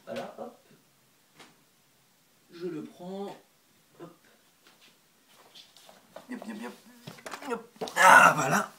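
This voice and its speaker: A man's voice: sits high, extremely slow, gravelly, long pauses, darkish tone, slight background noise. A man giving a casual show-and-tell vlog of his builds, hesitant and chatty, with many fillers and little apologies, recorded on a nearby camera mic at home. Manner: hesitant and chatty, frequent 'euh', 'hop' and 'voilà' while handling pieces; self-deprecating asides and apologies. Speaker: LEGO builder showing his models.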